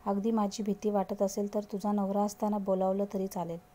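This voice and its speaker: A woman narrator voicing a remorseful grown man who pleads for forgiveness, in a mellow voice close to her own. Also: mid-range voice, little pitch movement, brisk, natural voice. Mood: pleading. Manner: pleading, apologetic.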